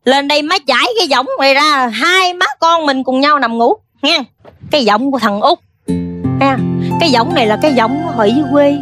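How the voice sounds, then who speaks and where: A woman's voice: sits high, a little fast, fairly bright tone. A woman playing a fretful old Southern mother. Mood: tender. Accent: Southern Vietnamese. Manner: fretful, pleading, bursts into wailing cries. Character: worried elderly country mother searching for her son. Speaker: contestant performer. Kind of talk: cải lương stage acting. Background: music.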